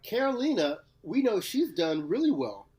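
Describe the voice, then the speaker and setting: A man's voice: high-pitched, very animated, moderate pace, darkish tone. A man from Louisiana, co-hosting a casual podcast chat in a playful, teasing way. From Louisiana, USA. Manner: laid-back, playful, teasing. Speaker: podcast co-host.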